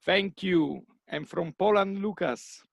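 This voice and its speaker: A man's voice: high voice, slow, gravelly, no room sound. Male moderator on a video call, filler-heavy, dry sound. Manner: repetitive, many fillers and restarts. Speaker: workshop moderator. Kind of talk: online meeting facilitation.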